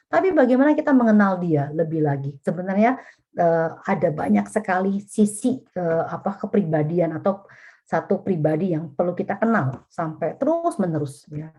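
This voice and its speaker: Husky low-voiced woman teaching a webinar. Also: animated, moderate pace, warm tone, dull audio. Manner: casual, colloquial, addresses listeners as "Saudara". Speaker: vicar teaching a family webinar.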